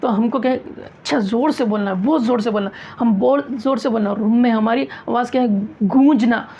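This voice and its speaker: A woman's voice: a little high, fairly quick, dark tone. A woman teaching a recitation class, repeating each point and asking and answering her own questions. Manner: repetitive, drilling, asks and answers own questions. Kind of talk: classroom tajweed lesson.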